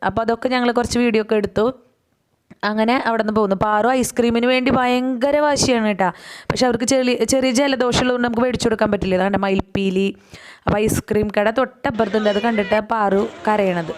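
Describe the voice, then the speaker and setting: A woman's voice: a little high, steady tone, quick pace, clean tone. A woman, chatting through a casual voice-over of a family outing with frequent asides to the viewer. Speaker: vlogger.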